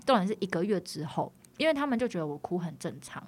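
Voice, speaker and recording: A woman's voice: lowish voice, big pitch swings, quick pace, slightly rough. A young woman with a Taiwanese Mandarin accent, co-hosting a podcast and chatting at length about her childhood. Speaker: podcast co-host. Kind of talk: casual chat.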